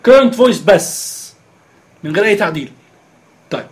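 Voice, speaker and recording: A man's voice: sits high, lively intonation, fairly quick. A man with an Egyptian Arabic accent explaining a screen reader step by step, with many filler sounds. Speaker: instructor.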